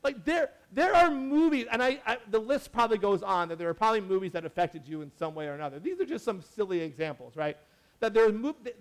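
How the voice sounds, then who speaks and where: A young man with a notably high voice delivers a relaxed, conversational sermon. He rambles through asides and restarts his sentences, keeping it animated and friendly like a chat with the congregation. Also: gravelly. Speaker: pastor. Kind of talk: casual sermon.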